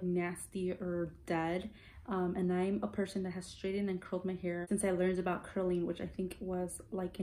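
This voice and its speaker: A young woman beauty vlogger chatting casually to camera in a hushed, low voice so as not to wake someone sleeping. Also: slight background noise. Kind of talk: casual chat to camera, makeup haul.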